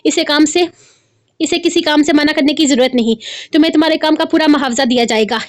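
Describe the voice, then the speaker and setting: A woman's voice: high voice, fast, close to an everyday voice. A woman reading aloud as an angry, domineering young man giving stern orders. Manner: stern, commanding.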